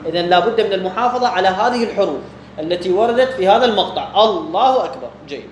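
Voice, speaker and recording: A man's voice: sits high, expressive. Iraqi guy teaching religious rules, keeps asking his own questions, roomy echo. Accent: Iraqi Arabic. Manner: asks questions and answers them himself, drawn-out examples. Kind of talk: explaining a jurisprudence text to students. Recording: echoey room with faint background hum.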